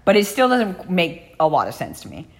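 A woman's voice: fairly low pitch, wildly swooping pitch, moderate pace. A woman hosting a true crime podcast, telling the case in a casual, blunt way with frequent swearing. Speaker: podcast host.

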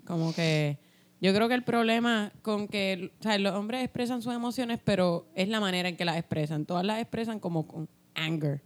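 A woman's voice: medium pitch, normal speed. A young adult woman, chatting and explaining her views with many fillers. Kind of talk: casual chat.

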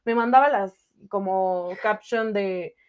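A young woman with a Mexican accent co-hosting a podcast, telling a story in slangy, animated casual chat full of fillers. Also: medium pitch, slow, dull audio, crowd noise. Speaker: podcast co-host.

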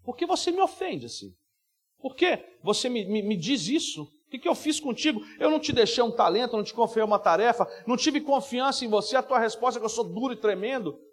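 A man's voice: very high voice, expressive, fast talker, soft background music. A man voicing a hurt, pleading God.

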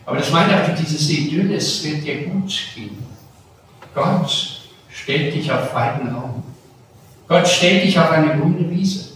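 A man pastor giving a lively sermon, slowing down on key phrases and swelling loud at times, recorded in a large church hall. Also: on the high side, a little hiss or hum. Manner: lively preaching with slow, stressed phrases and sudden swells in volume. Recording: very echoey church from a distance.

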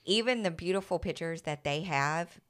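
A woman's voice: fairly low pitch, moderate pace, smooth. A woman co-hosting a casual podcast, upbeat and promotional. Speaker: podcast co-host. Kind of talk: casual chat.

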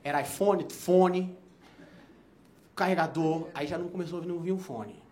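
A man doing stand-up comedy, telling a story in an animated, self-mocking way. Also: on the high side, a little slow. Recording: live club, audience laughter, noisy.

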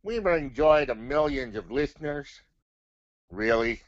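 A man voicing a jaded, blunt female rat puppet with deadpan sarcasm in a comic ventriloquist skit. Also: mid-range voice, measured pace, dry recording, dull audio, close to an everyday voice. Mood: fed up.

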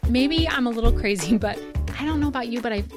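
A woman's voice: a little high, fast, over loud music. A woman co-hosting a podcast, speaking with casual enthusiasm and reading the show's sign-off. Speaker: podcast co-host.

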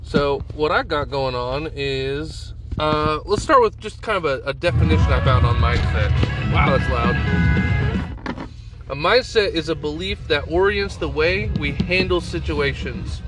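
A man's voice: on the high side, expressive, a little slow, loud music behind the voice. A man hosting a podcast, talking casually and working loosely from his notes. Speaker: podcast host.

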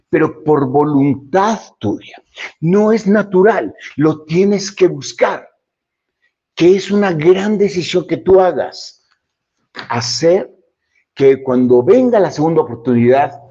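A man's voice: on the high side, dark tone, husky, dull audio. A Mexican man in his fifties hosting a podcast, giving a reflective, self-deprecating motivational monologue with rhetorical questions. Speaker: podcast host.

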